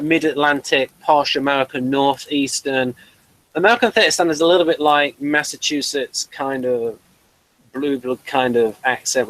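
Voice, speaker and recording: A man's voice: mid-range voice, fairly bright tone, no room sound, low-quality recording. A man hosting a casual review chat, talking in long, digressive explanations with dry humour. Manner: chatty and digressive, explaining at length; dry humour, chuckles between points. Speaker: host reviewing a TV series.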